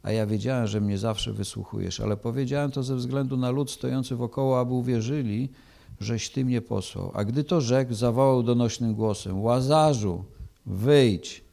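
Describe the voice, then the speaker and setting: Gravelly-voiced man reading scripture. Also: medium pitch, fairly even intonation, moderate pace, dark tone. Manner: reads scripture aloud, then explains it with hesitant fillers. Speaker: preacher. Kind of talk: sermon with Bible reading.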